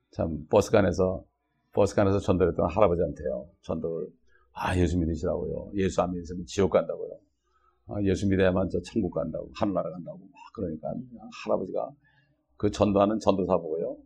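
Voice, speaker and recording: A man's voice: on the low side, vocal fry, a little mellow, slightly rough. A man preaching a sermon in a conversational way, often checking with the congregation as he speaks. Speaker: pastor.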